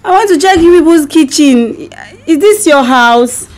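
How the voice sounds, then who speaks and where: A Nigerian-accented woman plays a confused wife feigning amnesia on a prank phone call, bewildered, lost and full of questions. Her high-sitting voice is expressive, a little slow and slightly mellow.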